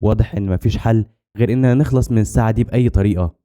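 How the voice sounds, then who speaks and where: A man's voice: medium pitch, rapid-fire, warm tone, lightly acted. A man voicing the narrator's frightened young male friend, who asks tense, urgent questions in a slightly raised voice. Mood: firm.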